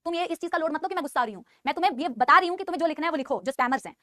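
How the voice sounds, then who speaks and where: Quick high-pitched lady teacher, mixes english into hindi, keeps saying beta, dry close mic. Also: no echo. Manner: scolding yet insisting she is calm. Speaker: biology teacher. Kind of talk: live online class lecture.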